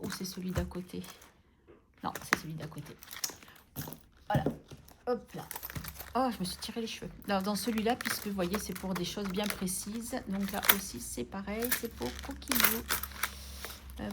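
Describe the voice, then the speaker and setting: A woman's voice: mid-range voice, very noisy. A woman vlogging about her budget envelopes, chatting casually and playfully scolding herself as she sorts things. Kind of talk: casual chat while sorting envelopes.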